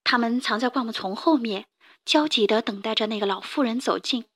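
A woman reading a children's story aloud with lively, expressive narration. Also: a little high, a little fast.

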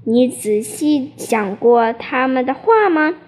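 A woman voicing a kind old mother horse, gentle and patient. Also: high voice, animated, takes it slowly, slight background noise.

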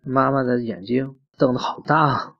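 At medium pitch and a moderate pace, a man reads a children's story aloud plainly, making small slips and correcting himself. The recording is muffled and lo-fi.

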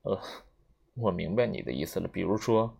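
Man voicing a stern old spinster, flat, sharp, preachy, low and hushed, gravelly, audiobook. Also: moderate pace, full character voice. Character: stern, self-righteous elderly spinster.

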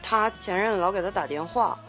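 A woman's voice: mid-range voice, normal speed, fairly bright tone, soft background music. A woman in casual podcast chat, talking bluntly and swearing heavily when worked up.

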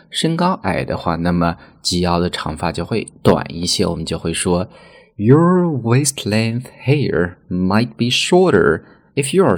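Male podcast teacher, very low voice with lively intonation, patient repeat-after-me delivery. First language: Chinese. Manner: explains patiently, repeats each English word slowly. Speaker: English teacher and podcast host. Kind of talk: audio English vocabulary lesson.

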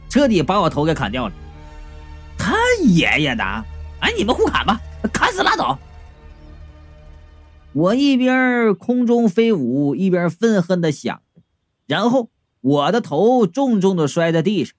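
Lively male storyteller, high and animated. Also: no room sound, clean studio sound. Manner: lively, expressive, playful asides. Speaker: audiobook narrator. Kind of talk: first-person comic storytelling.

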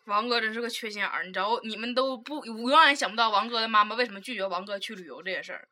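A woman's voice: fairly high pitch, very fast. A young woman, co-hosting a casual chat, teasing and laughing as she tells stories. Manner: teasing, laughing, animated storyteller. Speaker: podcast co-host.

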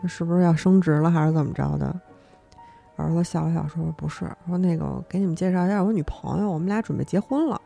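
Young woman w/ spinning a creepy tale, low gravelly voice, dark tone, faint music under it. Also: fast. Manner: animated telling, acts out the characters' lines with sharp pitch jumps. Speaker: podcast host, storyteller. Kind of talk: horror story narration.

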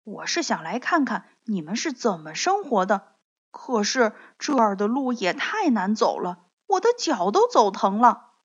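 A polite, curious little city mouse, as a woman storyteller puts it on. The voice is slightly high and unhurried, on a dull, lo-fi recording. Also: sing-song, husky, heavily acted. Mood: pleased. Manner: polite, gently pleased.

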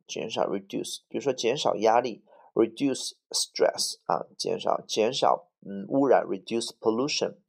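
A man's voice: fairly low pitch, creaky. A man teaching English vocabulary in Chinese, going through words one by one and often adding "OK啊". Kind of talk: vocabulary lesson.

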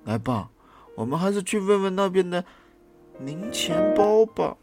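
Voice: mid-range voice, very animated, unhurried, voice pushed up. A reader voicing a child's teddy bear in a storybook, eager, coaxing and comforting, over backing music. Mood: reassuring. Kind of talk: storybook reading. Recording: music playing behind the reading.

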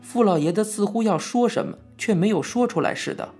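A man reading a novel aloud as an audiobook narrator, in a measured, even storytelling manner. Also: high-pitched, soft background music. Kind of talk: scripted narration.

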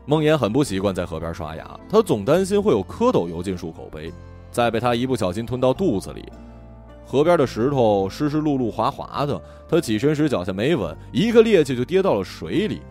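Expressive male storybook narrator. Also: medium pitch, brisk. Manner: gentle, expressive reading. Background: soft music.

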